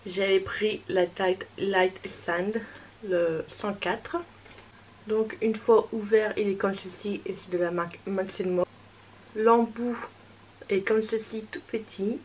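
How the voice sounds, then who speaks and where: A woman's voice: medium pitch, steady tone, slow, a little hiss or hum, rough recording. Chatty young woman reviewing makeup. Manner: chatty, hesitant, reassuring. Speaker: beauty vlogger.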